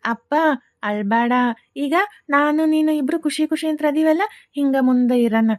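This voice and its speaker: A woman voicing a gentle young schoolboy who speaks softly and innocently, with a North Karnataka accent. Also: sits high, normal speed, no room sound, studio quality, close to an everyday voice. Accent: North Karnataka Kannada.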